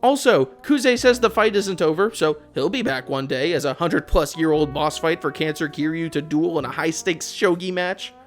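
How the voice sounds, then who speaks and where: This channel host, a video essayist, offers exasperated and opinionated takes on a video game in a sarcastic, swearing rant. The voice is mid-range with a moderate pace and few pauses, and faint music runs behind it.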